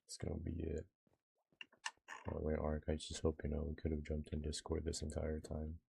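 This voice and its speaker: A man's voice: very deep voice, completely flat delivery, moderate pace, creaky, warm tone, slightly rough, dry recording. A young man streaming a game, chatting casually with his viewers in a laid-back, slangy way. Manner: laid-back, slangy, talks to chat and himself. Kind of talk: casual live-stream chat.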